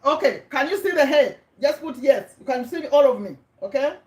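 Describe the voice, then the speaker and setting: A middle-aged Ugandan woman hosts a casual motivational livestream, speaking into her webcam from a bare, echoey room. Her voice is warm, animated and a little high for a woman, at a moderate pace, and she's chatty, checks in with viewers and repeats words for emphasis.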